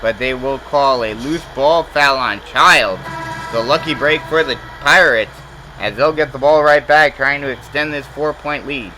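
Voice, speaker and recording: A man calling simulated basketball play-by-play, rattling off each possession and jumping up in pitch and volume when a shot drops. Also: pushed and bright, a little hiss or hum, poor audio. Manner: rapid play calling that rises sharply on made shots. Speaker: play-by-play announcer.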